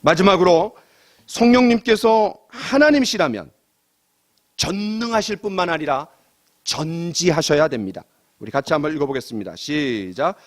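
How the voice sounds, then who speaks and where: A man's voice: a little high, animated, moderate pace. A middle-aged male pastor preaching a sermon, asking the congregation rhetorical questions and acting out quoted asides.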